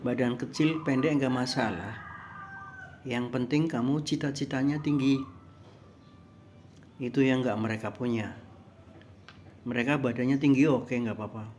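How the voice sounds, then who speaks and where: A man voicing a patient, wise father who gently reassures his young son in a spoken story. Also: medium pitch, measured pace, pauses often, slight background noise, natural voice. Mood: reassuring.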